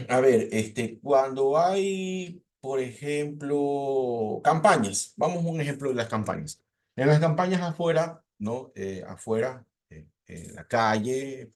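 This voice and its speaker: A man teaching a seminary preaching class, explaining points in a relaxed lecture with fillers and rhetorical questions. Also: medium pitch. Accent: Latin American Spanish.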